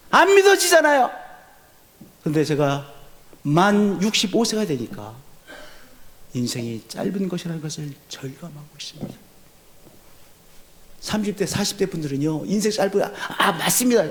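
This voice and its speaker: A man in his sixties preaching a sermon, asking the congregation questions and answering them, moving from loud urgent peaks to low hushed endings. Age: 60s. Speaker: pastor.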